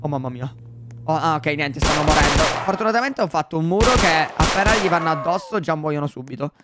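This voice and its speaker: A young man commenting on a video game for his viewers, excitable and full of exclamations. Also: fairly high pitch, a little fast, very noisy. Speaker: gaming YouTuber. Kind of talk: Let's Play commentary.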